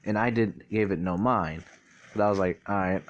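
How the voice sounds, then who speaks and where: A man's voice: fairly low pitch, normal speed, dull audio, slight background noise. A man casually retelling a fan-made crossover story, rambling with lots of filler words and swearing, his mouth getting dry.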